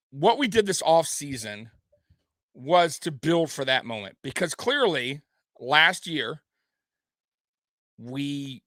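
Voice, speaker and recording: Sounding slightly tipsy, this host of a casual sports recap show rambles loosely and answers his live chat as his mind wanders. He's from the Detroit area, with a mid-range voice that's bright and forceful, captured close and dry with no room echo.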